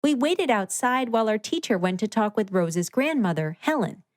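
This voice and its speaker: A woman with a somewhat high voice reads a children's storybook aloud from a script, expressively and at a moderate pace. The recording is dry, with no room sound.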